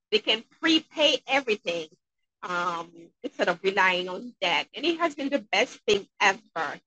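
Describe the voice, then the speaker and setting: A woman from Haiti with a Haitian accent, a dentist being interviewed, talking in an upbeat, expressive way. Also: medium pitch, dry recording, low-quality recording. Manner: upbeat, expressive, acts out quotes. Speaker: guest dentist. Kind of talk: interview conversation.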